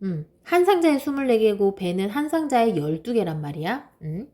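A woman's voice: medium pitch, big pitch swings, normal speed. A woman teaching a math lesson to children, patiently asking and answering her own questions and repeating key words. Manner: repeats key words, drops to soft murmurs.

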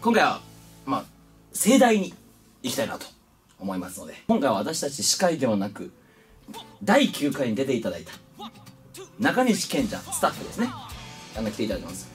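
Lively, quick-talking man host. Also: mid-range voice, soft background music. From Kumamoto, Japan. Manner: lively, playful, drifts into jokey Kansai dialect. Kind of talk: casual chat.

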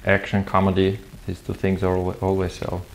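A male podcast host with a low, gravelly voice asks questions in a curious, searching way. A faint hiss sits under his speech. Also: monotone, a little fast. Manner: inquisitive, repeats words when searching. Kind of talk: casual interview chat.

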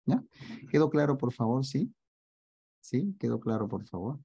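A man teaching math in an online class, joking with his students and asking often whether it is clear. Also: medium pitch, normal speed, dark tone, no room sound, muffled recording. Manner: joking, teasing, asks students to confirm often.

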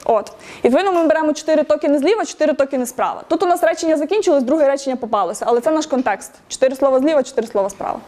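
A woman's voice: high voice, racing, a little mellow. A woman giving an interactive lecture at a tech meetup, quizzing the audience, laughing often and encouraging answers.

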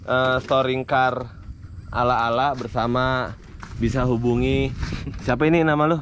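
A man's voice: medium pitch, fairly even intonation, measured pace. A man, vlogging casually on a muddy trail and joking with his riding friends. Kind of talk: casual vlog chat. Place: muddy dirt trail outdoors. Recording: loud outdoor and engine noise.

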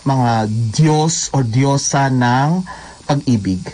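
A Filipino man co-hosting a radio talk show, asking questions and laughing easily as he keeps the banter going. His voice sits at a middling pitch. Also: takes it slowly, warm tone, low-quality recording. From Philippines. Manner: leads the talk, asks questions, laughs often.

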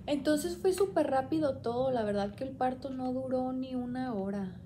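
Speaking at a moderate pace in a warm voice that sits high, a young woman rambles through a personal story on her vlog, chatting freely and frequently quoting herself. Faint hiss or hum runs underneath.

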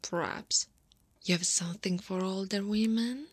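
An Italian woman, a native Italian speaker, voices a slow, breathy, flirty slime monster woman in an intimate ASMR roleplay, often half-whispering with a playful, teasing manner. Her pitch is medium and her mood relaxed and flirty. There's no room sound, though clear background ambience noise is audible.

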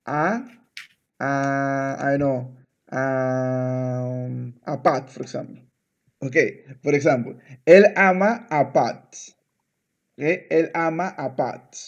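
A man's voice: medium pitch, steady tone, very slow, highs cut off. A man teaching Spanish one-on-one. He talks patiently, repeats words, and switches to English to explain. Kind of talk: one-on-one language lesson.

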